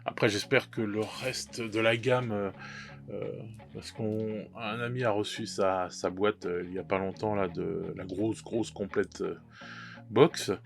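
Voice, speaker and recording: With vocal fry in his lowish voice, a miniature painting YouTuber talks at a slightly slow, steady pace while casually going over paint colors. He rambles and hesitates, restarts often, and chuckles at his own blunders.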